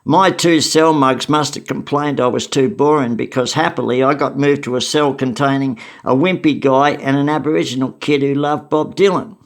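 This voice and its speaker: A man's voice: medium pitch, fairly even intonation, normal speed, few pauses. An older Australian man telling memories from his past in a wry, matter-of-fact, casual way. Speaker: storyteller recounting memories. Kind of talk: casual spoken memoir.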